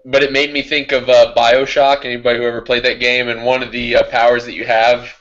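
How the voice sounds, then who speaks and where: A man co-hosting a casual gaming podcast, telling animated stories and acting out quotes. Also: medium pitch, fairly quick, dull audio, soft background music. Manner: animated storyteller, acts out quotes. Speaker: podcast co-host.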